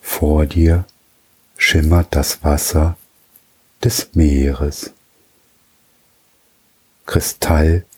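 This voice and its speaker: A man guiding a relaxation journey in a soft, soothing way, with long pauses between phrases. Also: rumbling low, level tone, slightly rough, low-quality recording. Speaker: meditation guide.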